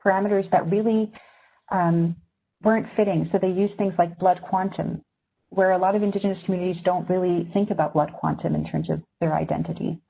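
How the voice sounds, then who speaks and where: She has a husky, slightly low voice, heard through thin, phone-like video-call audio. A Syrian-raised magazine editor, she gives a reflective webinar talk to journalism students, speaking fairly quickly in a level tone and weighing each point with care.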